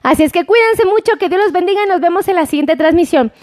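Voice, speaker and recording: A high-pitched woman with a Mexican accent hosts a casual livestream from her phone. She chats playfully and quickly, calling out viewers by name and joking with them. The tone is loose and friendly, like talking to regulars. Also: animated, a little mellow. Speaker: health livestream host. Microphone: phone camera.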